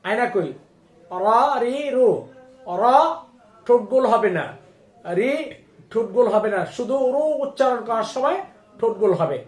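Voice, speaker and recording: A woman teaching Quran reading through a slow syllable-by-syllable spelling drill. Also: on the high side, darkish tone. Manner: slow, drawn-out, instructive recitation. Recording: echoey room.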